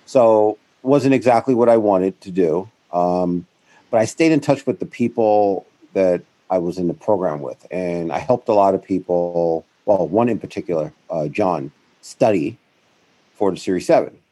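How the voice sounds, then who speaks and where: In a low-quality recording, a middle-aged financial firm founder, appearing as an interview guest, recounts his career at a moderate pace in a low voice. He rambles, corrects himself along the way, and livens up whenever he quotes someone.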